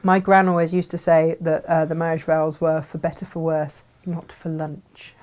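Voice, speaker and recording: A woman's voice: low-pitched, level tone, normal speed, darkish tone, smooth. A woman co-hosting a live show in a casual, jokey way, reading out and reacting to viewers' messages. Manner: chatty, jokey.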